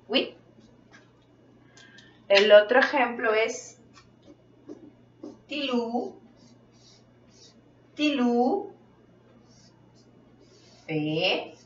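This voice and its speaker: A woman's voice: mid-range voice, a bit bright. A woman teaching French vocabulary to children, who speaks Spanish as her first language and talks patiently, asking questions and repeating the phrases. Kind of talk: classroom lesson. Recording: roomy, distant, dull sound.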